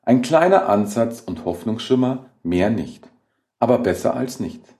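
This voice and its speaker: A man narrating a horror short story in a measured, dramatic reading. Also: medium pitch, animated, mellow. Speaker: audiobook narrator.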